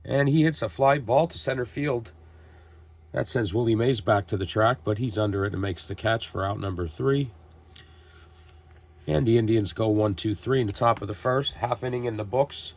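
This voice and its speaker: Speaking at normal speed in a lowish voice, a man hosts a tabletop baseball game as he gets over a cold. His steady play-by-play of the dice game sounds like a broadcast, complete with lineups and called plays.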